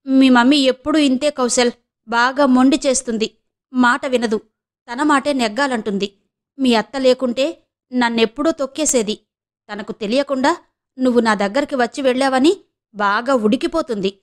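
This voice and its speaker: A woman's voice: high voice, normal speed, long pauses, lightly acted. A woman voicing a middle-aged father who grumbles and complains about his wife. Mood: grumbling.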